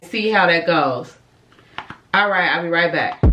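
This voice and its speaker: This woman's voice is on the low side, unhurried, with lively intonation. A licensed cosmetologist and beauty vlogger with a mild cold, she casually reviews and demonstrates skincare, rambling and correcting herself. The recording is very noisy, made in an echoey room with the mic at a distance.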